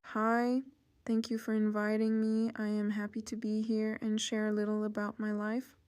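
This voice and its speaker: Woman in her fifties, Ukrainian accent, very even delivery, mellow smooth tone, dry close sound. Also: medium pitch, no echo. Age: 50s. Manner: measured, plain and careful sentences. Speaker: interview guest. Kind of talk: oral history interview.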